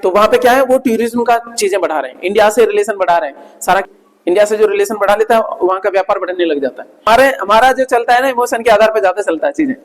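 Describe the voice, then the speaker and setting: A man's voice: high-pitched, fast talker. A male coaching teacher giving a revision lecture, asking his students questions and answering them himself, repeating key points as memory tricks. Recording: long hall reverb.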